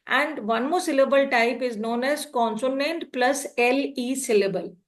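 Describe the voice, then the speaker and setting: A woman teacher with an Indian English accent, slowly explaining phonics to a class step by step and quizzing the students. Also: high-pitched. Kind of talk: classroom lesson mixing Hindi and English.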